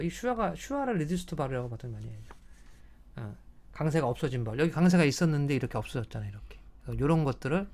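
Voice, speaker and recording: A middle-aged English linguistics professor, medium-pitched and a little mellow, gives a recorded lecture. He explains step by step and frequently checks in with students.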